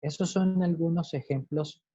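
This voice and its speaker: A man teaching an online class, explaining examples patiently and repeating key words slowly. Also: a little high, mellow, no echo. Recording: dull lo-fi computer audio.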